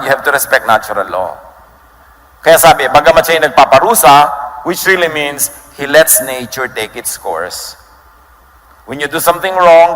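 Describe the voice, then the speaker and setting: A man's voice: medium pitch, a bit bright. A middle-aged Filipino man preaching a sermon, switching between Tagalog and English and quoting scripture with big dramatic swings. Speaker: pastor. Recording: long hall reverb with faint noise.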